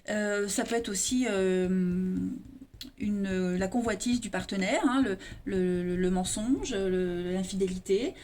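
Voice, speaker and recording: A woman's voice: a little high, a little mellow. A woman giving a casual tarot reading to her viewers, chatty and full of fillers and restarts, calling them her friends. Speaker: tarot reader.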